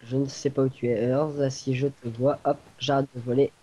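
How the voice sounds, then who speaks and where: A man's voice: medium pitch, little pitch movement, normal speed, warm tone. A man giving a casual, hesitant walkthrough tour of a game server, often searching for words. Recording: dull lo-fi home recording.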